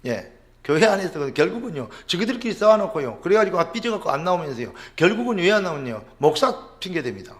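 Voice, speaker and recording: A middle-aged male pastor preaching a sermon, asking rhetorical questions and dropping suddenly to a low murmur. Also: big pitch swings, quick pace.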